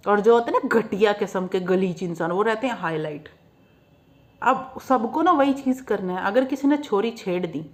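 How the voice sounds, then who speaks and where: Blunt young Haryanvi woman vlogger. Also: mid-range voice. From Haryana, India. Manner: blunt and outspoken, mixing Hindi with English words and laughing at her own jabs. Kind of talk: casual monologue to camera.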